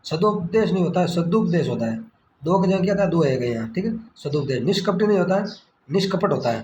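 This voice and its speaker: A man with a fairly high voice tutoring through exam questions. He quizzes himself aloud and repeats each answer, checking in with "okay" over and over. The sound is echoey with a faint hiss, recorded on a phone screen-recorder. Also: expressive, quick pace, mellow. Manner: repetitive quiz-style questioning, frequent "ठीक है". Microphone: screen-recorder phone mic.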